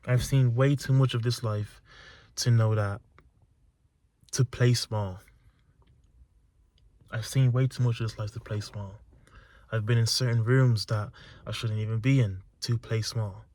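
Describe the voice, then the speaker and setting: A man's voice: medium pitch, steady tone, unhurried, pauses often, darkish tone, dry recording. A young man giving a reflective motivational monologue, speaking earnestly and emphatically and repeating key phrases, recorded inside a car. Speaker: self-improvement vlogger. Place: inside a parked car at night.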